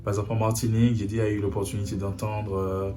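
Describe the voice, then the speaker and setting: A man's voice: fairly low pitch, flat delivery, fast talker. A young man from Haiti speaking earnestly to camera in a personal video message, often repeating himself to drive his point home. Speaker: vlogger. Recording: faint guitar music behind.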